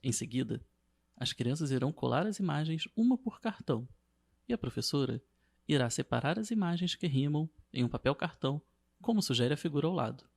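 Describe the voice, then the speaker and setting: A man narrating a scripted lesson as a teacher, in a steady, measured reading. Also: a little high, vocal fry.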